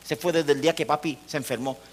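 A man preaching a sermon, telling a personal story and often dropping low and soft for emphasis. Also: fairly even intonation, fast.

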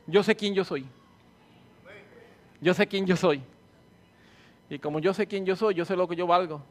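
A man preaching a sermon and leading prayer. He repeats phrases fervently, calls out listeners by name, and swings between hushed and loud delivery. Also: sits high, measured pace.

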